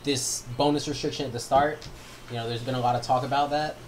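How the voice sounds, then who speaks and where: A man's voice: medium pitch, fast talker. A male podcast guest chatting casually, confident and explaining with analogies. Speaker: guest, co-founder of the show. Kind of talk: casual sports podcast chat. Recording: noisy line with steady hiss.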